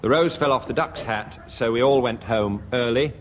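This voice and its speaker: A man chairing a radio comedy panel game, announcing games and scores in a brisk, dry way. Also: medium pitch. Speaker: quiz chairman. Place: radio studio with live audience. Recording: 1970s radio archive, noisy.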